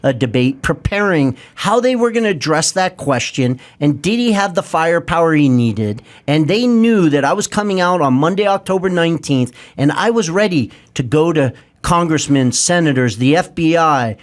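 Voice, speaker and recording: A man's voice: a little high, animated, normal speed, hardly any pauses. A man in his fifties, a guest in an interview, speaking in an intense, insistent way with lots of detail. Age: 50s.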